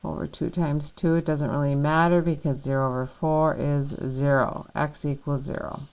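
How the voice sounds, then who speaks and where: A woman's voice: sits low, little pitch movement, normal speed, darkish tone, low-quality recording. A woman teaching a math lesson, patiently walking through each step and checking in with the class.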